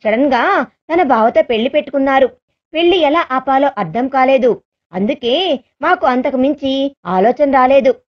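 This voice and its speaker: A woman voicing a gentle, caring young man in a read-aloud story, speaking softly and reassuringly. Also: high voice, expressive, moderate pace, muffled recording. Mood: earnest. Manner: soft and reassuring.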